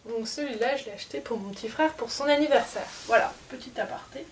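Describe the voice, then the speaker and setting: A woman's voice: on the high side, quick pace, far from the mic. A woman casually showing her souvenir collection to the camera, chatty and hesitant with many fillers. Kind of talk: casual unboxing vlog. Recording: off-mic with faint background noise.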